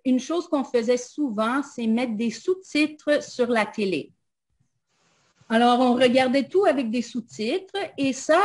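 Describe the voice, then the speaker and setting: Casual personal talk from an invited guest speaker: a Montreal woman, English by first language, with a fairly high voice. She is slow and halting, hesitant, full of "euh" fillers, and slips into English.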